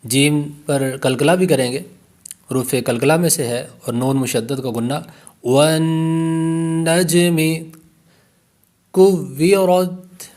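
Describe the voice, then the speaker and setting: A man with a Pakistani Urdu accent teaching a tajweed lesson, quickly explaining letter rules and then reciting each word slowly and drawn out. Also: medium pitch, fairly even intonation. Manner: slow drawn-out recitation of single words between quick explanations.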